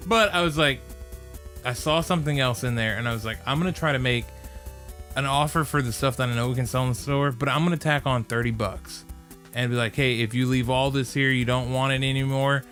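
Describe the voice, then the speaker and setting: A man co-hosts a podcast, chatting casually and rambling, often circling back mid-thought. His voice is mid-range and fairly bright, fairly quick, with soft music in the background.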